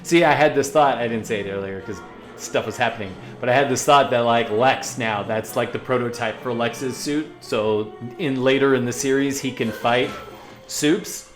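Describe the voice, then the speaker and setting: Over soft background music, a reaction-video host muses casually about a cartoon in halting side comments. His voice sits in the mid range.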